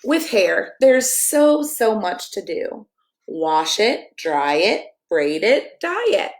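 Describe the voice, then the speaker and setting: A middle-aged American pastor leads children's story time, reading aloud in a playful sing-song and chatting straight to the children. Her voice sits in the mid range, swings widely in pitch, and moves slowly.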